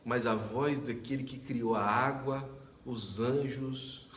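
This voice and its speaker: A man's voice: mid-range voice, fairly even intonation, slow, a bit bright, slight background noise. A man preaching a sermon as pastor, telling a story and acting out the dialogue, laughing often. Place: church service. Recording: echoey church from a distance.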